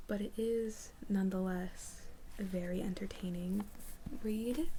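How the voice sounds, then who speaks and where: A young woman in an ASMR role-play as a librarian, speaking in a soft, halting soft voice. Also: mid-range voice, creaky, slight background noise, low-quality recording. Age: young adult. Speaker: ASMR creator playing a librarian.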